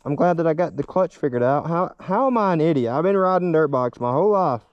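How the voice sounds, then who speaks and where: A man's voice: on the high side, expressive, quick pace, clean tone, no room sound. A man vlogging casually while riding a small dirt bike, his voice muffled inside a helmet and picked up by a camera on his chest. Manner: rambling, chatty, upbeat. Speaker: motovlogger. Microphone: chest-mounted action camera.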